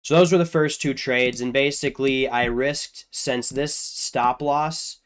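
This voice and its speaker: A man's voice: medium pitch, steady tone, a little slow, clean tone. A young man hosting his own video, talking casually through a chart on screen, joking at his own mistakes and restarting his sentences as he thinks aloud. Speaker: trading video host. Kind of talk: screen-share chart walkthrough.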